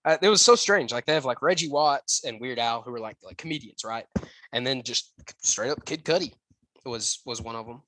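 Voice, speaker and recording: A man's voice: medium pitch, expressive, fairly quick, bright, forceful tone, no echo. A young man co-hosting a casual film podcast, enthusiastic and stammering, full of "like.". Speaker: podcast co-host.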